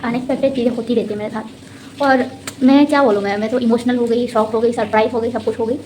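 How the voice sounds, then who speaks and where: A woman's voice: on the high side, steady tone, quick pace, mellow, slight background noise, low-quality recording. A young woman vlogging casually in a rambling, exasperated way, her speech slightly slurred from dental anesthesia. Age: young adult. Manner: chatty, rambling, exasperated asides. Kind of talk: casual vlog chat. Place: hostel room.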